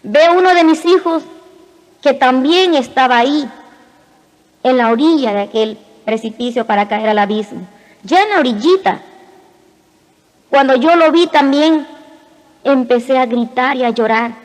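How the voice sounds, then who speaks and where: High-pitched woman giving an emotional church testimony in short, halting phrases, heard in a reverberant hall. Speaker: testimony speaker. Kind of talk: spoken religious testimony.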